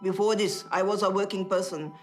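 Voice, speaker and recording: A man speaks emphatically and with indignation in a TV news interview. His voice is high, and he stumbles into restarts as he talks. Soft music plays behind him. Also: steady tone, fairly quick.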